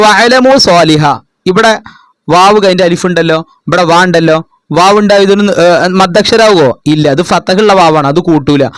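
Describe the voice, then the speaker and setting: Man, tutor, revision lesson, patient, asks and answers his own questions, fairly high voice, dry close sound. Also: no room sound. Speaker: madrasa tutor.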